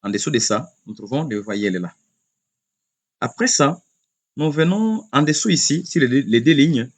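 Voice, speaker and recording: A man giving a spoken computer lesson, explaining slowly and step by step, often repeating himself and pausing on fillers. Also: mid-range voice, expressive. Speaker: computer teacher.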